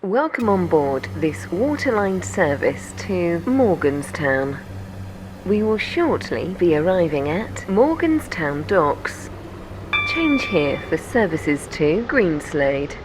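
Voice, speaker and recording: A woman's recorded onboard train announcement, low-pitched and unhurried. Her pitch rises and falls in lively swings, and each polite set phrase is delivered with measured care. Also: noisy background. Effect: onboard train announcement system.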